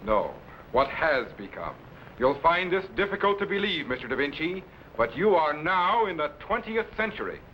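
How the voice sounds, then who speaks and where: An authoritative time-travelling scientist captain from a 1950s sci-fi drama. He declaims earnestly with lively, swinging intonation on a dull, faintly noisy old soundtrack. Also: a little high, moderate pace. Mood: reassuring. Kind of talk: 1950s children's sci-fi television acting. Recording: dull, hissy vintage programme soundtrack.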